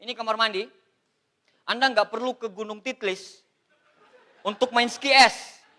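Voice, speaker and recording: A man from Indonesia in his thirties giving an animated, joking motivational seminar talk, addressing the audience as Pak. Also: very high voice, a little slow. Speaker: motivational speaker on MLM.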